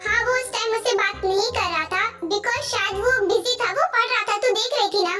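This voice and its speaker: A woman's voice: extremely high pitch, brisk, pushed and bright. A woman doing a lovestruck, pleading young woman.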